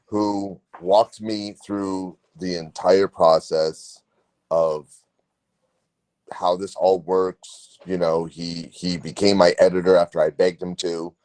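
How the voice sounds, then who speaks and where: Rambling, chatty man with a low voice. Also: little pitch movement, takes it slowly, darkish tone, no echo. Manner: rambling storyteller, quotes himself, laughs often. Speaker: guest comic writer. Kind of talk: casual podcast chat.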